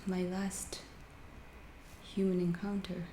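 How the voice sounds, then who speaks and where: With a lowish voice that is soft, breathy and often whispered, a woman takes the role of an alien researcher in ASMR roleplay, calm and curious. Her speech is slow and halting, every phrase deliberate, clinical and detached. The recording carries room echo and faint background noise.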